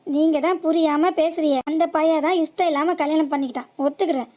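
A woman's voice: high voice, fairly even intonation, fast, a little mellow, close to an everyday voice. A woman voicing a cheeky middle-aged mother-in-law in a cartoon, with a playful, backtalking manner. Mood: pleading. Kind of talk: animated cartoon voice acting.

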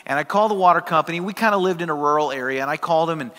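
Bright, high-voiced animated preacher. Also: male voice, racing. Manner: animated, humorous storytelling. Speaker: pastor. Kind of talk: sermon with personal story. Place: church sanctuary. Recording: reverberant church hall.

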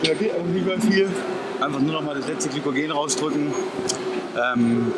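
His voice sits a little high and his tone stays steady at a moderate pace as this thirtysomething fitness vlogger makes short, wry remarks to camera. He's a bodybuilding competitor filming on the move through trains, taxis, streets, hotels and gyms, using a handheld camera at arm's length that picks up loud ambient noise.

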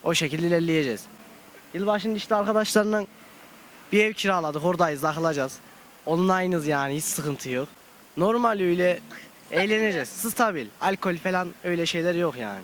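A man's voice: sits high, fairly quick, fairly bright tone. A young man answering a street interview in a casual, slangy, colloquial way. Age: young adult. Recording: street noise behind.

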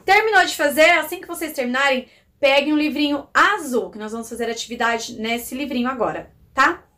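A woman teacher giving gentle, coaxing instructions to young children. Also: sits high, lively intonation, fairly quick. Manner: gentle, coaxing, diminutive words.

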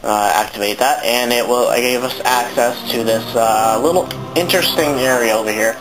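A man's voice: medium pitch, moderate pace, over music, rough recording. A man with a sore throat giving rambling, casual commentary while playing a video game, swearing often. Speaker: let's play commentator.

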